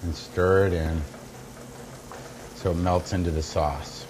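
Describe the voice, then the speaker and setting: A middle-aged American man with a fairly low voice talks casually as he cooks and tells stories. His delivery is wry, blunt and salty, like someone chatting to a friend. Clear kitchen noise sits behind him. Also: steady tone, slow pace, a little mellow, poor audio. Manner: wry, blunt, profane, conversational. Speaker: host of a comedy cooking show. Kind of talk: casual cooking demonstration with anecdotes.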